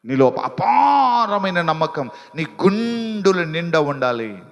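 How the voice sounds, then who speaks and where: A man's voice: a little high, big pitch swings, takes it slowly, creaky, in a large hall, slight background noise. A male pastor preaching a sermon to a live congregation, teasing and repeating phrases as he builds intensity. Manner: preaching with rising intensity and repetition; teasing the congregation about sleeping. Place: church hall with live congregation.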